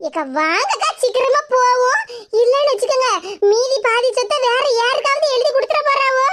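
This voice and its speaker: A woman voicing a cheeky, greedy young village woman in a cartoon, in a high, squeaky voice. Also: a little fast, very noisy. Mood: pleading. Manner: pleading, cheeky. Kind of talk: cartoon voice acting.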